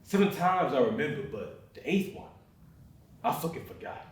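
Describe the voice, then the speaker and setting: A man's voice: a little high, big pitch swings, moderate pace. Young guy doing a sorry dad beating himself up, cussing, mid voice, far from the mic, lots of room echo. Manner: brooding, profane confession. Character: remorseful separated father who missed son's birthday. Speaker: student actor. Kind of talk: dramatic monologue.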